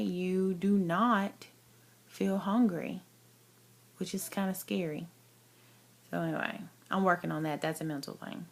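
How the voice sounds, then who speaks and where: A woman gives a casual, chatty personal update, speaking candidly and with emphasis, as if to friends. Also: lowish voice. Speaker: vlogger giving a health update. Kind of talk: casual chat to camera.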